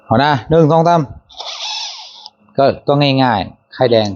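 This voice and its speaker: A man hosting a handyman channel, talking casually through a tool demo, relaxed and chatty with fillers and self-corrections. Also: mid-range voice, slow. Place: workshop or garden. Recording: dull lo-fi sound.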